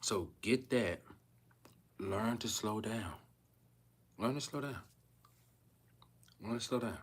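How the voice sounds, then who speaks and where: A man's voice: lowish voice, slow pace, breathy edge. A man in his thirties talking casually to viewers on a livestream, rambling and repeating himself, often asking if they feel him. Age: 30s. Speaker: vlogger.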